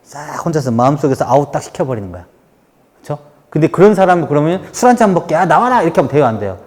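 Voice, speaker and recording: A man giving a workshop lecture on workplace communication, talking in a lively way and acting out the remarks people make. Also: mid-range voice. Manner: lively, animated, acts out quoted remarks. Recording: hall reverb.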